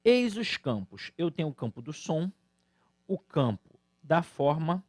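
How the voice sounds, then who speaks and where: A man with a Brazilian Portuguese accent runs an online exam-prep grammar lesson, talking straight to his students in a lively, emphatic way. His voice sits a little high for a man. The studio sound is dry and close, with a faint mains hum underneath. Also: a little slow, dry recording. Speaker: Portuguese-language teacher.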